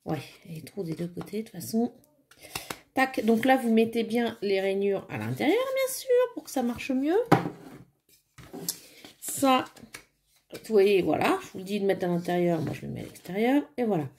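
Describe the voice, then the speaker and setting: A woman's voice: medium pitch, lively intonation, normal speed, vocal fry, pauses often, darkish tone, slight background noise. A woman chatting casually at home while assembling a craft kit, thinking aloud with fillers and small "tac" sounds. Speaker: crafting vlogger. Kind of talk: casual hands-on crafting chat.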